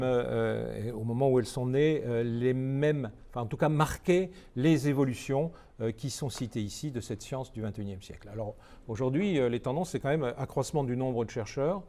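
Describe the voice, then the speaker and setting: A man's voice: medium pitch, normal speed, mellow. A middle-aged man from France giving a training lecture, hesitant with many fillers and restarts.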